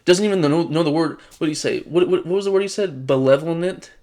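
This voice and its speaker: A man's voice: on the high side, fast talker, a little mellow. Exasperated male political commentator. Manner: exasperated and sarcastic, frequent restarts. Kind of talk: casual political commentary reading news items.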